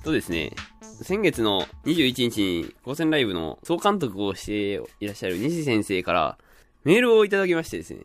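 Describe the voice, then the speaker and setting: A man's voice: lowish voice, huge pitch swings, a little fast, soft background music. A young man hosting a student radio English show, chatting playfully and reading listener mail aloud. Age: young adult. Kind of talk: casual radio chat.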